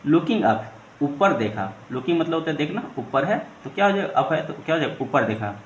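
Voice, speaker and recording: A man's voice: a little high, sing-song, a little fast. A man teaching English, reading a story line by line and explaining each phrase in Hindi. He keeps repeating "ठीक है" and asks questions that he answers himself. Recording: roomy echo, faint ambient noise.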